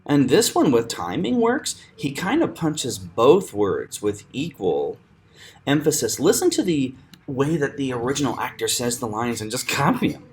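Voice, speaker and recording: A man with a lively, swinging voice walks viewers through a screen-recorded tutorial, chatty and quick to laugh. He teaches like an acting coach, pitch rising and falling as he points things out. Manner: animated, chatty, laughs often.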